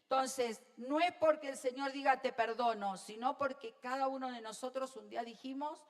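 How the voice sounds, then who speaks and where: A woman pastor with an Argentine Rioplatense accent, preaching a sermon to a congregation and often checking in with "¿sí?", her voice swinging between loud and soft. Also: high voice, moderate pace. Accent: Rioplatense Spanish. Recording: long reverb of a church hall.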